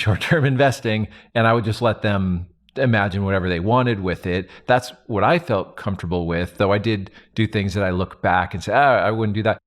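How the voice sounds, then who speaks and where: A man talking in a casual roundtable, telling reflective stories with many fillers and restarts. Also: fairly low pitch. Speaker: podcast host and advantage player.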